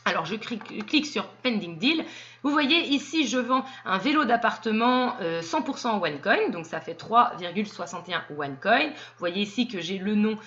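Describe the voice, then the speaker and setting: A woman walking viewers through setting up an online seller profile, explaining step by step and pausing often with fillers. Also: medium pitch, animated, fairly bright tone, lo-fi sound. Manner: hesitant, explanatory, with frequent fillers. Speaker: tutorial presenter. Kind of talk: screen-recorded software walkthrough.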